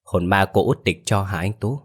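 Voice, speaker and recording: A chatty young village girl, easily spooked, teases in quick lively remarks, as a man puts her on. It stays close to the deep voice of the storyteller. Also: husky. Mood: teasing.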